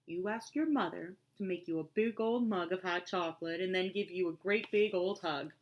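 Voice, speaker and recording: Lady doing a gruff deep cop voice, slow and patronizing, storybook reading. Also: dull audio, close to an everyday voice. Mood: indulgent. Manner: slow and indulgent, talking down to a child.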